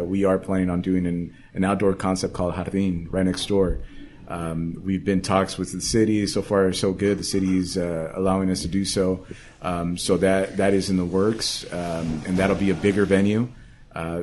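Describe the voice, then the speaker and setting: Man, very low voice, restaurant co-owner, halting with fillers, casual interview. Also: a little mellow, slight background noise. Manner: hesitant, many fillers and restarts. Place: small restaurant.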